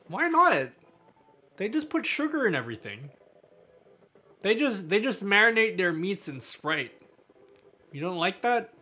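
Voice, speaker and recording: A man hosting a live stream, chatting with his viewers in a bright, fairly high voice that rises and falls freely. He takes his time, laughs a lot and lets his sentences trail off. Faint music plays under his talk. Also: slightly rough. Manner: laid-back, laughs often, trails off mid-sentence. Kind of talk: casual live-stream chat answering viewers.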